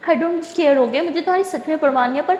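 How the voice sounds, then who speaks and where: A woman voicing a tough, teasing young biker woman who talks in a lower, offhand way, recorded in an echoey room. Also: darkish tone, dull audio, slight background noise, close to an everyday voice. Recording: echoey room with long reverb.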